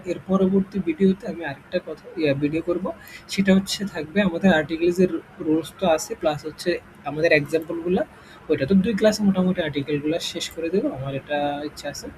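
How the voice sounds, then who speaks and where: A man's voice: a little high, darkish tone, slight background noise, poor audio. Bengali-accented man teaching grammar. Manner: explains slowly with checking questions. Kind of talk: screen-shared grammar lesson.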